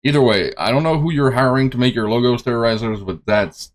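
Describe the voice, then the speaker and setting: A man's voice: medium pitch, fairly quick. A man in his thirties giving casual, teasing reaction commentary with chuckles, recorded indoors in a streaming room. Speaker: reaction video host.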